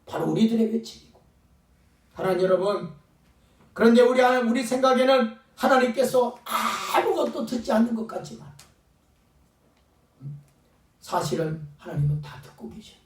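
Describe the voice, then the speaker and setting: High-pitched fervent male pastor preaching. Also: animated, normal speed, long pauses. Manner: fervent preaching, acting out pleading voices. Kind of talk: sermon. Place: church sanctuary. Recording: echoey church sound from a distant mic.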